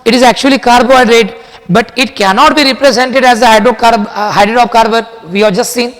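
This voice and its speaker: A man teaching chemistry in a classroom lecture, mixing Hindi and English, asking and answering his own questions and repeating key sentences slowly for dictation. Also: very high voice, steady tone, fairly bright tone, long reverb tail. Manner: addresses students as children, asks and answers his own questions.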